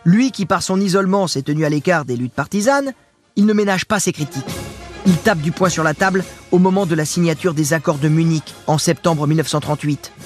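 A man's voice: a little high, fairly quick, faint music behind. A man giving scripted history narration with casual asides, talking straight to the listener in a chatty way. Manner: chatty, addresses the listener directly.

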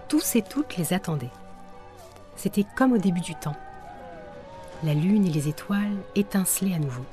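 A woman reading a children's tale aloud, gentle and soft-spoken, at times dropping to a whisper. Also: fairly low pitch. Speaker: storyteller. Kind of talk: storybook reading. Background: faint music.

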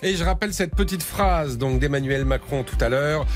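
A man's voice: fairly high pitch, normal speed, soft background music. A man hosting a live radio call-in show.

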